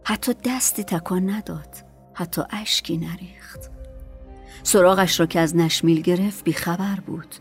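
A woman narrating an audiobook in a soft voice that often drops to a whisper. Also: on the low side, faint music behind. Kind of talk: scripted narration.

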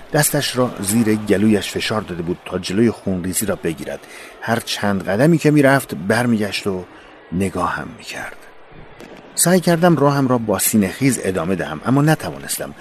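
A man reading a first-person memoir in a solemn, measured voice that often sinks low and soft. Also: a little hiss or hum. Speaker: narrator of a war memoir. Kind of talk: scripted first-person narration.

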